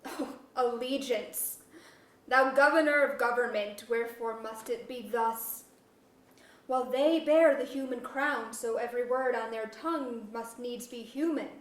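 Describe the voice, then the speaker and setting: At a staged reading in a museum auditorium, a woman plays a brooding, genderless magical royal, speaking archaic verse in a grand, self-questioning manner. Her voice is fairly high and close to everyday, her pace measured, her mood anguished and questioning. The microphone is distant and the auditorium echoes.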